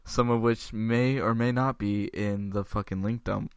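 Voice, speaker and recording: A man's voice: fairly low pitch, fairly even intonation, measured pace, smooth, dry recording, studio quality. A man co-hosting a casual podcast, rambling with lots of filler words and swearing. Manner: rambling with many likes, swearing. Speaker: podcast co-host.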